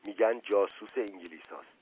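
A man voicing an anxious teenage girl who speaks in a hushed, hurried way. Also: on the low side, slightly rough, dry recording, low-quality recording. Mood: worried.

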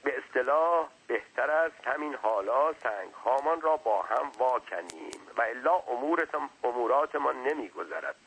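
A man's voice: mid-range voice, animated, few pauses, fairly bright tone, slight background noise, pitched above the performer's own voice, poor audio. A man voicing a small, talkative non-human servant who speaks deferentially and lectures at length. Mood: lecturing.

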